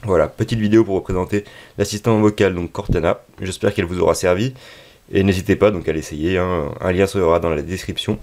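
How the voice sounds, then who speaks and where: A man with a very low voice presents a tech tutorial. He speaks unscripted and haltingly, pausing often to find his next words. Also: steady tone, darkish tone. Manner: hesitant, halting delivery with frequent pauses. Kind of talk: unscripted app tutorial narration.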